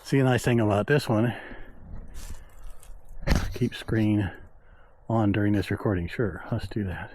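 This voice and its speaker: A man's voice: fairly low pitch, unhurried, pauses often, a little mellow, no room sound. A man narrating a hiking vlog in an easygoing, rambling way, slightly congested and out of breath, recorded outdoors on an action camera. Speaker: vlogger. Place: outdoors on a mountain trail.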